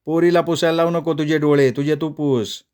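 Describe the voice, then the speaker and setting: A man's voice: fairly high pitch, steady tone, brisk, a little mellow, clean tone, natural voice. A man reading aloud a rustic young woman's fond, bossy letter to her brother. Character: affectionate village girl writing to her brother.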